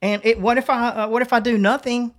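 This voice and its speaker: A man's voice: very high voice, steady tone, brisk. Earnest middle-aged man telling a story. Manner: earnest, rambling with restarts. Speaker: podcast co-host. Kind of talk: casual chat, personal story.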